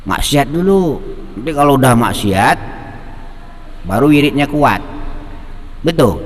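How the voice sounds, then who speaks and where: A male Islamic preacher, teaching and telling a story in a lively, colloquial manner, quoting Arabic. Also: mid-range voice, unhurried, big-room sound. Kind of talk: sermon on a classical text.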